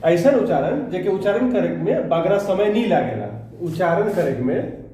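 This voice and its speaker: A male teacher giving an exam-prep grammar lesson. He goes slowly, repeats words and keeps checking in with the class. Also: high-pitched, lively intonation, dark tone, slight background noise. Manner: slow and repetitive, often checking in with the class. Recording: very echoey room, mic far away.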